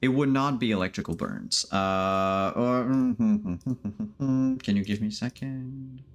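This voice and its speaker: A man narrating a tabletop role-playing game as game master, thinking aloud in a halting way. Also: fairly low pitch.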